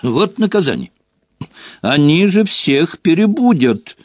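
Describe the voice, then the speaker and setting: A man's voice: on the high side, big pitch swings, takes it slowly, no room sound, clean studio sound, voice pushed up, exaggerated voice. A man voicing a stern, fussy female school nurse in an indignant, scolding manner. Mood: exasperated.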